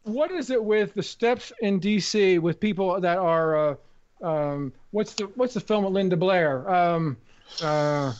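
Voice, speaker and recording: A man's voice: high voice, a little slow, darkish tone, no echo, dull audio. A man co-hosting a podcast from home, joking and searching for words with fillers. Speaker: podcast co-host. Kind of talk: casual podcast chat. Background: hail on roof.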